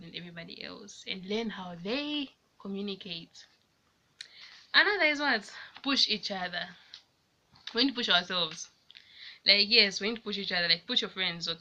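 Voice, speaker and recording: A woman's voice: medium pitch, pushed and bright. A woman vlogger giving a casual, encouraging motivational talk, chatty and rambling, often laughing.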